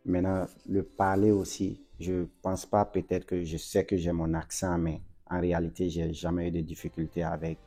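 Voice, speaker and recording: A man from Africa, a banker, calmly giving advice as an interview guest. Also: low-pitched, moderate pace, few pauses, soft background music. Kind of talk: casual interview conversation.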